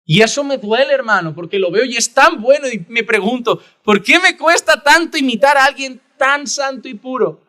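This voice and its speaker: A man preaching a sermon as pastor, earnest, rising to loud emphasis and dropping to hushed prayer. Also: extremely high pitch, animated, moderate pace, few pauses.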